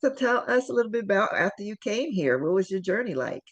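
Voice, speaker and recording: Ohio woman hosting an interview, very lively up and down voice, bit of fry, laughs along. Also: mid-range voice, fast talker, highs cut off. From Dayton, Ohio. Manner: animated, affirming, laughs along. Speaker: host.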